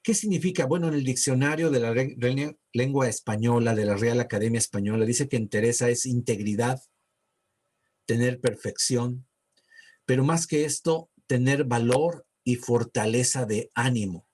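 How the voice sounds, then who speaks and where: A man giving a sermon as pastor, talking conversationally and slowing down when he reads verses aloud. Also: mid-range voice, a little mellow. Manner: conversational preaching, slows to read verses. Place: church.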